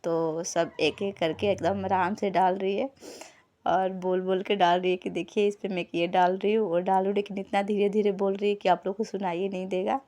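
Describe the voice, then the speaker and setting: A woman's voice: mid-range voice, little pitch movement, moderate pace, dark tone. A woman vlogger giving casual voice-over narration over cooking footage, chatty and explaining each step to her viewers. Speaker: lifestyle vlogger.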